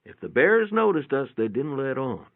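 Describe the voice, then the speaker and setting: A man with a mid-range voice gives a dramatic first-person reading of a short story, telling it in a folksy, matter-of-fact way at a moderate pace with big swings in pitch. The recording is muffled and narrow, like a phone line, and completely dry with no echo.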